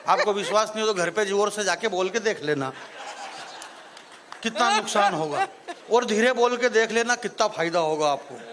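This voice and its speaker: A man with a Marwari accent reciting comic poetry on a live stage, joking asides to the audience. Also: high-pitched. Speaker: stage poet.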